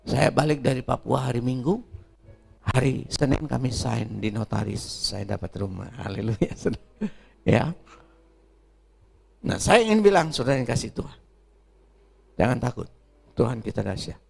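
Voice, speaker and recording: A middle-aged male pastor preaching a sermon with personal stories, swinging between quiet asides and loud, emphatic bursts. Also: mid-range voice, lively intonation, normal speed, long pauses. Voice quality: gravelly and raspy.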